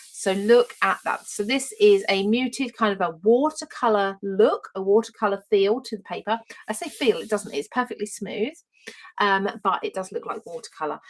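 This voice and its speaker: On a live stream, a woman with an Essex accent enthusiastically demonstrates her own papercraft collection, greeting viewers by name. Her voice is medium-pitched, and the audio quality is poor.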